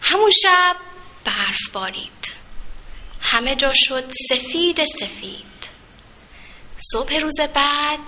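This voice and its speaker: Woman narrator, children's story, high voice, bright tone, gentle and lilting. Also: slight background noise.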